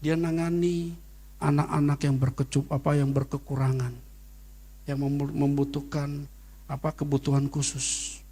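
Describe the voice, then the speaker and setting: Animated middle-aged pastor with a gravelly voice. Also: male voice, on the high side, measured pace. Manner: animated preaching with sudden loud peaks; casual Jakarta slang in anecdotes. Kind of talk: sermon.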